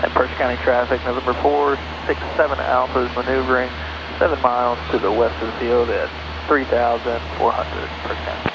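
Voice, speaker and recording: A man's voice: mid-range voice, level tone, brisk. Man on crackly military-style aviation radio. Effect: crackly aircraft radio transmission. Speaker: pilots making radio position calls. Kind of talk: clipped aviation radio calls. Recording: muffled crackly radio, loud engine noise.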